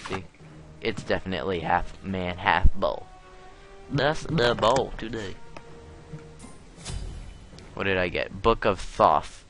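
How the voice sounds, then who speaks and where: A man's voice: low voice, a bit bright. A teenage boy casually commenting on his gameplay, playful and taunting, with music under his voice. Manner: playful, taunting, trash-talks game enemies.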